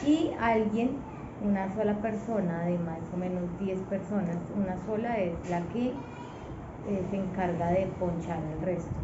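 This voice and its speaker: A woman, calmly explaining childhood games. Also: medium pitch, a little slow. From Bogotá, Colombia. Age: 40s. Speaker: interviewee, mother. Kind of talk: casual interview answers. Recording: echoey room, muffled, noisy.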